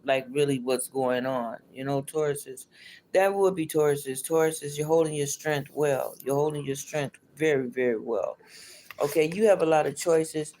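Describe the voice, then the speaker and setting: With slight background noise behind her, a middle-aged or older woman gives a casual livestream tarot reading in a low, darkish voice. She repeats her phrases, and her toothless speech comes out slightly slushy.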